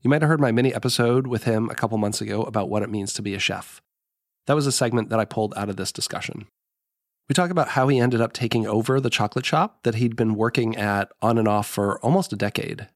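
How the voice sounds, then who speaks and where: A man's voice: fairly low pitch, fast, no room sound, clean studio sound. A middle-aged American man with a nasal voice, congested from allergies, reading a scripted podcast introduction as host.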